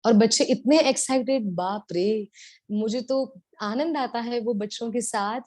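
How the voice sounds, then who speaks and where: A woman's voice: fairly high pitch, unhurried, no room sound. A woman giving a devotional talk, telling stories tenderly and mixing English words into her speech. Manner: tender, animated storytelling with Hindi-English mixing. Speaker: devotional speaker.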